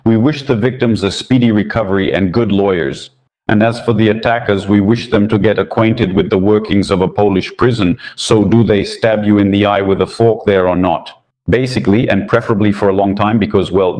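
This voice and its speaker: A man's voice: on the low side, darkish tone. A man hosting a commentary channel, talking in a sarcastic, indignant way, with Russian as his first language. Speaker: political commentator. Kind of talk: scripted commentary monologue.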